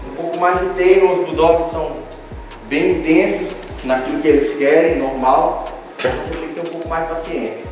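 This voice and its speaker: This clip captures a casual instructional dog-training session led by a man with a Brazilian accent and a fairly high-pitched voice, who repeats phrases to stress each step. He's recorded from a distance in a large, tiled, empty indoor room that echoes strongly, with music in the background.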